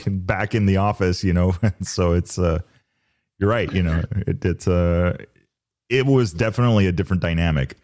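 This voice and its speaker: A man with a deep, low voice hosts a relaxed podcast chat. He talks haltingly, restarting his sentences and leaning on "you know". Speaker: podcast host. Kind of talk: casual conversation.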